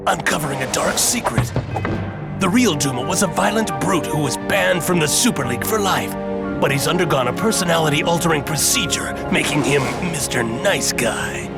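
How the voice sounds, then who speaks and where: A vain, self-dramatizing young soccer hero from a cartoon. He declaims grandly in a raised, gravelly voice, with loud music underneath. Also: on the high side, animated, normal speed. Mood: grandly heroic. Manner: vain, grandly heroic, melodramatic. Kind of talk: cartoon voice acting.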